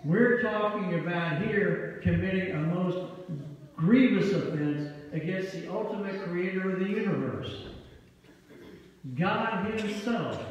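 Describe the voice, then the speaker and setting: A middle-aged male pastor with a high voice and a Midwestern American accent preaches a sermon in a church sanctuary into a handheld mic. His emphatic delivery, with wide gestures, climbs to loud peaks. A far camera captures it in an echoey hall that sounds distant and dull, with a little hiss or hum.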